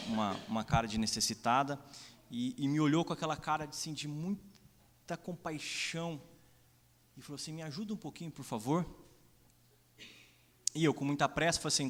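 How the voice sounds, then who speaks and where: The long reverb of a church sanctuary surrounds a young adult Brazilian pastor whose voice sits a little high with a fairly bright tone. In a Brazilian Portuguese accent, he preaches through personal stories, acts out the dialogue, and says "né?" a lot.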